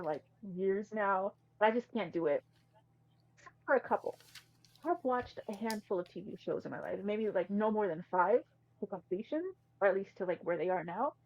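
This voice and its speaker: A woman co-hosting a podcast, reviewing a movie in an emphatic, slangy, casual chat. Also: mid-range voice. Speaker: podcast co-host. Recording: slightly muffled, dry mic.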